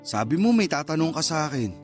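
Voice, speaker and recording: Over music, a man with a fairly high voice and big pitch swings talks fast, acting in a radio drama. He plays a hesitant but candid younger man who courts older women, sounding casual and mildly defensive in conversation.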